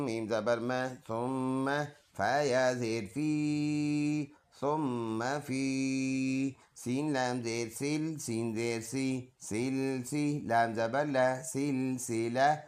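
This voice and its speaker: A man with a Pakistani accent teaching Quran reading, spelling each syllable slowly and then chanting the full verse. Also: mid-range voice. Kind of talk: slow letter-by-letter Quran recitation lesson.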